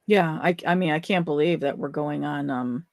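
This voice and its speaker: A woman's voice: sits low, normal speed, creaky, no room sound, clean studio sound. A woman co-hosting a casual live-stream chat, easygoing, with short replies. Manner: easygoing, brief replies, laughs. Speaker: co-host.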